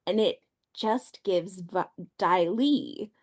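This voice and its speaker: Slow, deliberate woman on a podcast. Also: lowish voice. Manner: deliberate, keeps adding "right?". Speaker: podcast co-host. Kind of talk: casual discussion.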